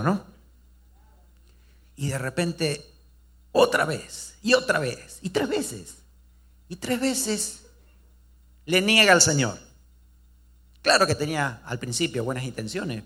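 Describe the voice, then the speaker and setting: A male pastor preaching a sermon, telling a story with animated delivery and rhetorical questions to the congregation. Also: medium pitch, a little slow, long pauses, breathy edge.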